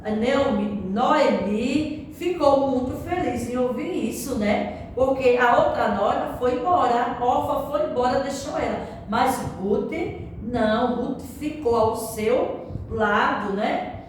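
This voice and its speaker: A woman with a Brazilian Portuguese accent, teaching a Bible story to young children in a slow, sing-song way, often turning to the child with drawn-out tag questions. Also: sits high. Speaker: Sunday school teacher. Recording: echoey room, far from mic, faint background noise.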